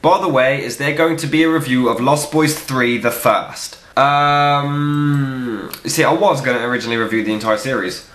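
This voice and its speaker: A young man runs a casual viewer Q&A vlog, talking bluntly and swearing freely. His voice has a bright, forward edge, and the room around him rings with echo. He speaks at a middling pitch into a camera mic. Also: normal speed. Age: young adult. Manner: blunt, profane, joking. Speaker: film reviewer vlogger. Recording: echoey room.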